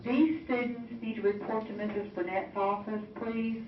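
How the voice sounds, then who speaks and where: A woman's voice: a little high, steady tone, noisy background. Woman on a school intercom. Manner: polite, reads a list of names slowly. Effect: school intercom loudspeaker. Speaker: school office announcer. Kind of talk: formal public announcement. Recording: muffled distant intercom in echoey classroom.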